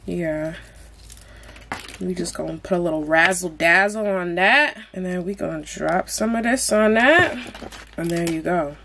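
A young mukbang vlogger chats while eating at home, speaking bluntly with plenty of slang. Her voice is fairly low and creaky yet fairly bright in tone, unhurried, with slight background noise.

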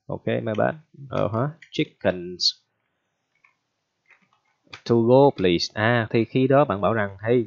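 A man's voice: on the low side, gravelly. A male English teacher gives a casual, joking vocabulary lesson and keeps checking in with his students. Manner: chatty, joking, frequent tag questions. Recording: dull lo-fi recording.

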